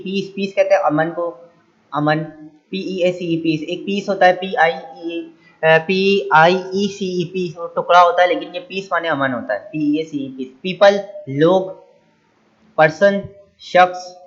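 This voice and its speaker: A man teaches English vocabulary slowly, saying each word and repeating its meaning. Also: on the high side. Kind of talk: vocabulary lesson. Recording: dull lo-fi recording.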